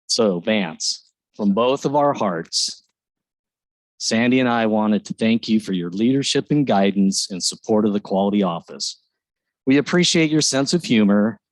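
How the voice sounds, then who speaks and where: A man's voice: fairly low pitch, no echo, low-quality recording. A man speaking for his office at a retirement ceremony, joking dryly before reading prepared thanks. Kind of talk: informal ceremonial speech with jokes.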